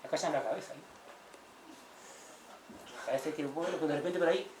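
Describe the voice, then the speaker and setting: Man giving a lively talk in an echoey hall. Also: a little high, brisk, slight background noise. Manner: lively storyteller acting out quoted villagers. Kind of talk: public talk, anecdotal lecture. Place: squatted social centre hall. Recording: echoey room, voice from far off.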